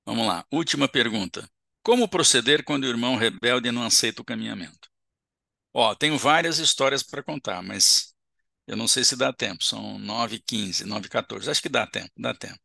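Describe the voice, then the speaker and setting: A man's voice: medium pitch, fairly quick, vocal fry, pushed and bright, dry recording, studio quality. A man giving a seminar lecture in an auditorium, explaining step by step and checking in with the audience with short tag questions.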